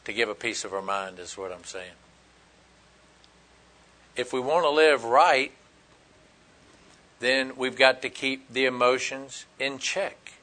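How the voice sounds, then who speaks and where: A man preaching a folksy, emphatic sermon, swinging between loud outbursts and quiet asides. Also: mid-range voice.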